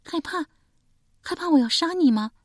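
A woman's voice: fairly high pitch, expressive, moderate pace, a little mellow, no room sound, clean studio sound, voice pushed up. A woman voicing a grieving, vengeful young noblewoman in an audiobook, tearful and anguished.

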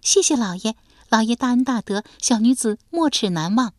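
A woman's voice: high-pitched, expressive, a little fast, warm tone, no echo, studio quality, voice pushed up. A woman voicing a humble young woman who speaks meekly and tearfully. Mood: glad, grateful. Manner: meek, self-effacing, calls herself 小女子.

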